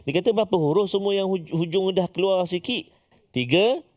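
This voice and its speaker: A man's voice: high-pitched, fairly quick, darkish tone. A man with a Malaysian Malay accent teaching tajwid, who drills letters aloud and praises often. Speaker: Quran recitation teacher. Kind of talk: tajwid lesson with recitation drills.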